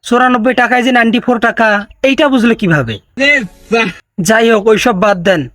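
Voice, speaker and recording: A man's voice: very high-pitched, brisk, a bit bright, no room sound, studio quality. A man hosting a comedic roast video, teasing and sarcastic in tone. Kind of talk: mocking comedic roast narration.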